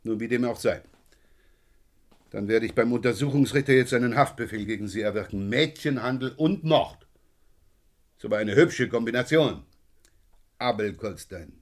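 In a German crime radio play, a male actor with a medium-pitched voice plays a police inspector who is polite but persistent and dryly sceptical. He speaks unhurriedly with hesitant repetitions, the mood dry and insistent, lightly acted on a dry recording.

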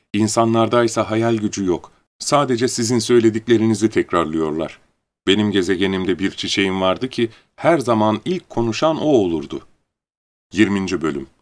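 A man narrating a storybook audiobook in a calm, even storytelling manner. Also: fairly low pitch.

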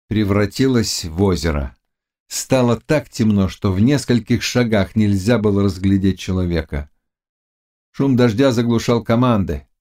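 A man reading a classic novel aloud as an audiobook narrator, in a dramatic, measured manner. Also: fairly low pitch, mellow. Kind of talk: scripted literary narration.

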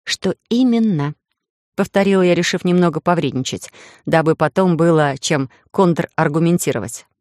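A woman narrating a first-person romantic audiobook in a lively, ironic way. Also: deep voice, moderate pace, no room sound, studio quality. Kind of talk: scripted narration.

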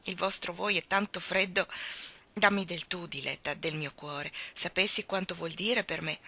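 A woman's voice: fairly low pitch, moderate pace, sharp tone. A woman reading as an ardent professor. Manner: ardent, pleading, emphatic. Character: romantic middle-aged German male professor.

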